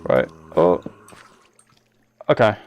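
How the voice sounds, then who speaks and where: A man live streams a video game, chatting casually and thinking aloud in an understated, rambling way, with drawn-out words. The microphone is set up in front of him, and the sound is lo-fi.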